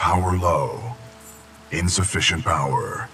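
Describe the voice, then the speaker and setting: An actor playing a calm, formal military robot that is damaged and rebooting on low power, giving flat, clipped status reports. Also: male voice, slow pace, soft background music, exaggerated voice. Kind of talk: video game voice acting. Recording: distant voice over loud game noise.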